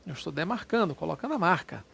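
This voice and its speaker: A man's voice: a little high, lively intonation, creaky, fairly bright tone, slightly rough. A man with a Brazilian Portuguese accent teaching an exam-prep lesson, chatty and often checking in with the listener. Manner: chatty, prods the listener with quick check-ins. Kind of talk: lecture explaining exam questions.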